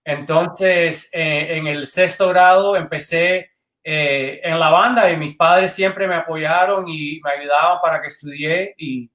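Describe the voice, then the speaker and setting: A man from Cuba, a band director, answering interview questions in a measured, thoughtful way over a video call. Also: a little high, steady tone, a bit bright. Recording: echoey room sound.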